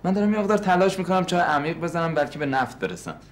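A man's voice: a little high, lively intonation, close to an everyday voice. An actor playing an irritable, sarcastic man who snaps at his nosy neighbors. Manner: sarcastic, snapping. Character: irritable, fed-up young man painting. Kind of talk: sitcom acting.

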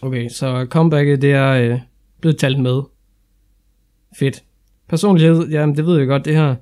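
A young Danish man commenting on his own football game playthrough, excitable and casual, shouting at big moments. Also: medium pitch. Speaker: gaming YouTuber. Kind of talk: excited let's-play commentary.

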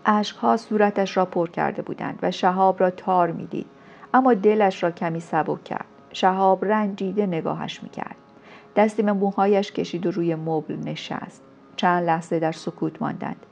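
A woman reads a romance novel aloud in a measured, storytelling way. Her voice carries a gravelly texture. The recording sounds dull and lo-fi. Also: on the low side, darkish tone. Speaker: audiobook narrator. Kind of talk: scripted novel narration.

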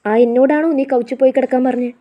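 A woman's voice: sits high, fairly even intonation, fast talker, highs cut off, lightly acted. A woman reading as a teasing young husband. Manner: teasing, playful scolding. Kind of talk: storybook reading.

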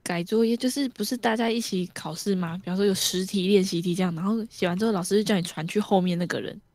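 A woman chatting casually, ending her sentences with soft trailing fillers. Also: medium pitch, fast, no echo. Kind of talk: casual group chat.

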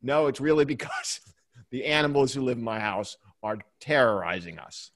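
A man co-hosts a casual podcast from his home basement studio. He rambles, restarts his sentences and chuckles as he talks. His voice sits at a middle pitch. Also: expressive, normal speed, fairly bright tone. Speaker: podcast co-host. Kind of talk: casual chat.

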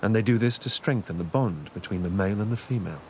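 A man narrating a scripted nature documentary in a measured, informative way. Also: lowish voice, heavy background noise.

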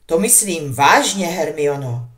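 A woman voicing a nervous teenage boy wizard who speaks quietly and anxiously. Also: low voice, lively intonation. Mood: worried.

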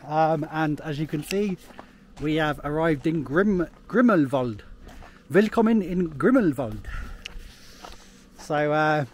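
Filmed outdoors on an arm's-length camera, a travel vlogger chats his way along a snowy trail, rambling, laughing often and filling gaps with fillers. His pitch is fairly high and expressive, he takes it slowly with long pauses, and there's slight background noise.

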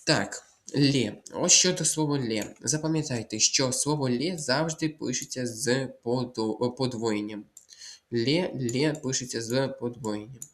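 Male tutor, mid-pitched, deliberate and repetitive, for an exam walkthrough lesson that drills listeners on rules. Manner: slow, deliberate, repeats words and spells out letters; instructive, tells listeners to memorize rules. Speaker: Ukrainian language tutor.

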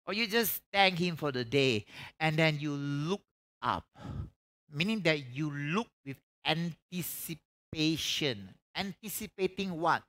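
A man's voice: a little high, expressive, takes it slowly, sharp tone. A middle-aged man preaches a conversational revival sermon, emphatically, with repeated phrases and rhetorical questions. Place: church stage, indoors.

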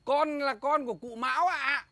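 A cheeky, fawning young suitor. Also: male voice, very high-pitched, normal speed, bright, forceful tone, exaggerated voice. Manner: boastful, fawning and over-polite. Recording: comedy film with music behind.

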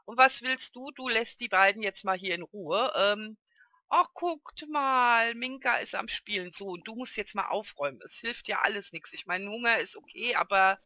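A woman hosting a let's play, chatting excitedly through her game and talking to her characters. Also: mid-range voice, moderate pace, dry recording, clean studio sound. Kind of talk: casual gameplay commentary.

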